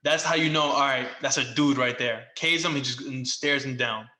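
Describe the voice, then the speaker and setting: A young man co-hosting a podcast, telling a baseball story in casual chat and loudly acting out the quotes. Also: mid-range voice, normal speed. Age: young adult. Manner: animated, acts out quotes loudly. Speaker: podcast co-host, former baseball player. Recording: echoey room.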